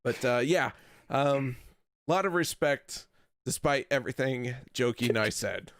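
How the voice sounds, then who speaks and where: A man's voice: medium pitch, a little slow, fairly bright tone, no room sound. A man with a standard American accent, interviewing racers in a casual, jokey, informal way. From United States. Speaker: race broadcast interviewer. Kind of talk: casual post-race interview.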